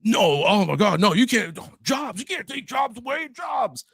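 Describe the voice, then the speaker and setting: A man voicing a panicked man who frantically shouts in protest. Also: high voice, sing-song, measured pace, creaky, breathy edge, no echo, studio quality, pitched above the performer's own voice, full character voice. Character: panicked man shouting about losing jobs.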